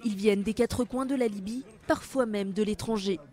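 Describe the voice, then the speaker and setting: A woman reporter narrating a field report in a calm, clear voice-over. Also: mid-range voice, moderate pace. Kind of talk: scripted news voice-over.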